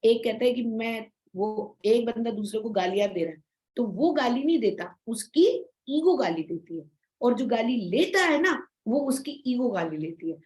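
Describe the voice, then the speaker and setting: A woman teacher talks through a sacred text in an easy, conversational way. She keeps checking in with her listeners through tag questions. Her voice sits a little high. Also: lively intonation, measured pace, darkish tone, low-quality recording. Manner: chatty, explaining, with frequent tag questions. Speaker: spiritual teacher. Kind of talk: informal scripture explanation.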